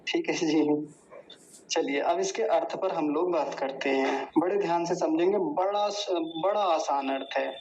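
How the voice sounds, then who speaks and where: Slow, patient male Sanskrit teacher. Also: fairly high pitch, darkish tone. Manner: patient, repeats each word slowly. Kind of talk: online class lesson, slow word-by-word drilling. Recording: dull lo-fi sound with faint noise.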